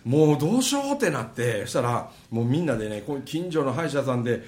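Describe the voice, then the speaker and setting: A man's voice: medium pitch, very animated, fast talker, darkish tone, reverberant. A middle-aged man with a Kansai accent, telling a funny story in casual chat, laughing as he goes. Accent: Kansai Japanese. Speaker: podcast host.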